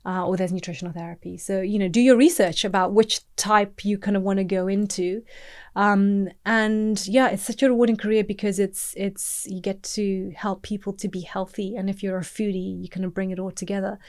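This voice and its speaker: A woman's voice: mid-range voice, fairly even intonation, a little fast, a little mellow. A woman from Zambia, a nutritionist guest, talking casually and expressively in an interview, laughing easily.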